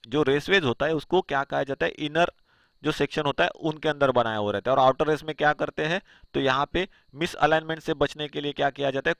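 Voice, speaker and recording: A man's voice: on the high side, a bit bright, dry recording. A man teaching engineering, asking himself rhetorical questions and answering them as he walks through slides. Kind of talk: explanatory lecture over slides.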